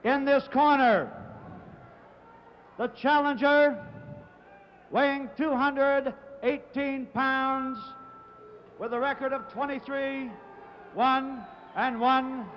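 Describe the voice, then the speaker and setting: A man announcing the fighters in formal, drawn-out calls, heard through arena loudspeakers. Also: extremely high pitch, steady tone, faint music behind. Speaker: ring announcer. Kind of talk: formal ring introductions. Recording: muffled old broadcast, faint noise.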